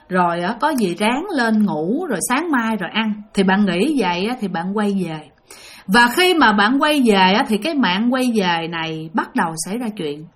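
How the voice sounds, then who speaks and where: Woman, ghost story narrator, talks straight to listeners, fairly high voice, very lively intonation. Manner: dramatic, addresses listeners directly.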